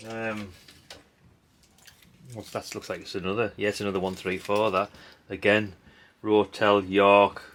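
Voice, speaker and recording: A middle-aged hobbyist video host chats casually while sorting old parts, rambling and blunt, with mild swearing and tag questions. His voice is on the low side and fairly bright, delivered flatly at a measured pace with long pauses.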